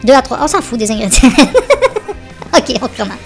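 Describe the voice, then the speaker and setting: A man whose voice is sped up into a chipmunk voice, making quick playful asides in a home cooking video. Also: very high-pitched, huge pitch swings, faint music behind, voice pushed up, full character voice.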